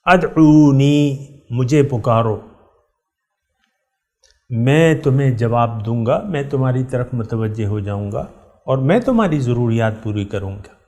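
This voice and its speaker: A middle-aged man teaching a Quran lesson in the manner of a sermon. His voice sits at an ordinary middle pitch. He talks directly to his listeners, repeats key words for emphasis, and slows down to recite verses. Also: expressive, a little mellow.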